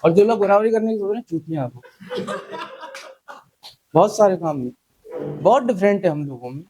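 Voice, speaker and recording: Male stand-up comedian, young adult, chatty, teasing, highish voice, mellow tone. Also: animated, brisk, faint music behind, low-quality recording. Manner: chatty, teasing the crowd, acts out quotes.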